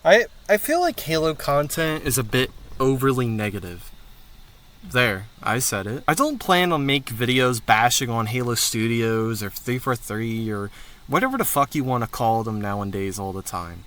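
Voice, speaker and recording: A man's voice: mid-range voice, animated, normal speed, a bit bright. A man hosting his own channel, talking through plans in a candid, rambling monologue with frequent swearing. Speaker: channel host. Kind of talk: casual channel update monologue.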